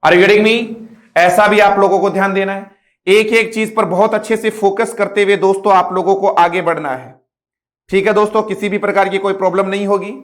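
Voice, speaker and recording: A man's voice: high-pitched, fairly even intonation, reverberant. A male teacher giving a patient classroom lecture, often checking that students follow and stretching out example words. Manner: repeats "dosto", asks "are you getting me"; patient, drawn-out word-by-word explanations. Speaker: English teacher.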